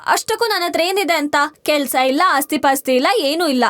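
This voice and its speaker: A woman's voice: high-pitched, a bit bright. An actress playing a young woman who first brushes off a tearful suitor and then fusses over him, in a web series drama. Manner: brisk, scolding then mothering. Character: caring but dismissive young woman.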